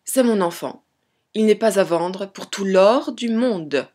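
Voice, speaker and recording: A woman voicing a poor peasant father, gruff but loving, speaking plainly and firmly in a storybook reading. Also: medium pitch, takes it slowly, a little mellow.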